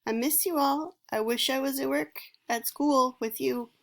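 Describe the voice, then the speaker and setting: A woman's voice: high voice, moderate pace, gravelly. A young woman teacher at home giving a casual, rambling lesson to her students. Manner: chatty, rambling, friendly.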